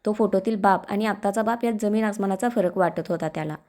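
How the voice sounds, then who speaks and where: Woman narrator, village storytelling, all characters in her own voice, dialect dialogue, mid pitch. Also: fast talker, darkish tone.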